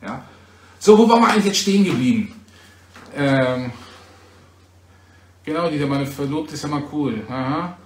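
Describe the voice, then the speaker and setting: A man from Germany chats with his viewers on a livestream recorded on a phone. His voice sits a little high, and he talks in a teasing, chatty way, often checking back with a quick "ja?". The room around him sounds echoey. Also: expressive, a little hiss or hum. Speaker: livestream host. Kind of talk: casual livestream chat answering viewers. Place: home in Poland.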